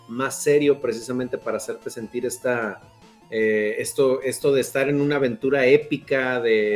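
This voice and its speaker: A man, a podcast co-host, giving a relaxed, slangy wrap-up of a game. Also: mid-range voice. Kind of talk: casual podcast chat.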